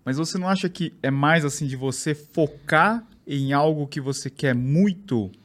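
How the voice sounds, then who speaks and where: Brazilian guy hosting, slightly high voice, relaxed, thinks out loud. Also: normal speed. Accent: Brazilian Portuguese. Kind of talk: casual conversation.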